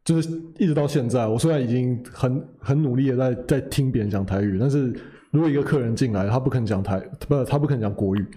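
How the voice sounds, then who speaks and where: A man's voice: medium pitch, quick pace, few pauses, warm tone. A young man telling a story in a casual podcast chat, rambling and correcting himself as he goes. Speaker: podcast co-host.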